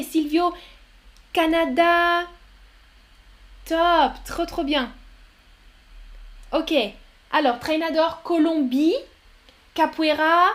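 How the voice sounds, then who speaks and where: A woman hosting a live word game as a teacher, reading out chat answers and cheering viewers on. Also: high voice. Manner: upbeat, encouraging, reads chat names aloud.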